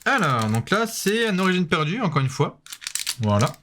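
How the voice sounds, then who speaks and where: A man with a fairly high voice talks his viewers through opening card packs in a relaxed, rambling way. He fills every pause with hesitations and punctuates each card with a quick "voilà". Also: background noise. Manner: says "voilà" after nearly every card, hesitant with many fillers; chatty, addresses viewers directly. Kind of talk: casual unboxing commentary.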